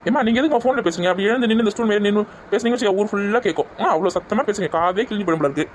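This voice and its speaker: A woman voicing a stern middle-aged male officer, gruff and chiding. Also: mid-range voice, racing, background noise, pitched below the performer's own voice, close to an everyday voice. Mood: scolding.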